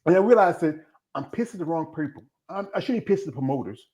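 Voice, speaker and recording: A man's voice: fairly high pitch, lively intonation, fast, a little mellow. A man in his fifties hosting a live stream, chatting casually and drifting from one tangent to the next. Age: 50s. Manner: rambling, jumps between tangents. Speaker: host of a bodybuilding live stream.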